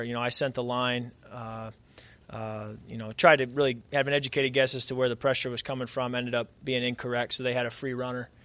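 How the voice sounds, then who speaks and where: A man answering reporters after a game, tired and catching his breath, measured with many fillers and restarts. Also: mid-range voice, a bit bright, no echo. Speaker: quarterback at press conference. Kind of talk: post-game press conference answers.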